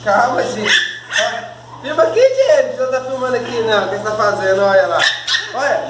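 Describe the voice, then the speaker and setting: A woman's voice: a little high, animated, brisk. A woman filming her puppies at home, talking to them in a coaxing, repetitive, soothing way. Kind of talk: casual home video. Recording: echoey room with loud background noise.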